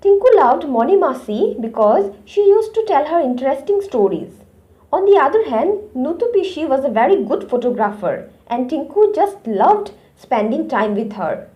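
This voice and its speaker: A woman's voice: high voice, sing-song, normal speed, muffled recording. A woman teaching an online lesson, explaining words and speaking directly to young pupils. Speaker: English teacher.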